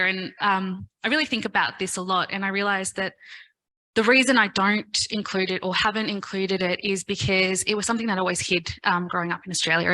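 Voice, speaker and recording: Earnest woman from Fiji, bright and flat. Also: mid-range voice, low-quality recording. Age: 30s. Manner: earnest, a little emotional. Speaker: forum panelist. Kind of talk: personal speech at a forum.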